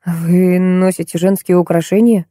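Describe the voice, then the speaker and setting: A woman reading an audiobook voices a lively, wry young man. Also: on the low side, a little slow, dry recording, clean studio sound, natural voice.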